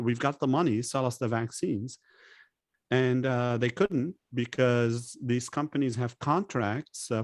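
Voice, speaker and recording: A man's voice: medium pitch, no echo. Emphatic man from Lebanon, dry sound. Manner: emphatic, poses rhetorical questions. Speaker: guest expert on public health. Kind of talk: conversational interview.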